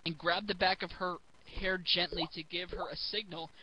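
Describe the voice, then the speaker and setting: A man's voice: sits high, fairly even intonation, normal speed, background noise. A giggly drunk man reading a story aloud for comedy, stumbling over the text and throwing in mocking asides.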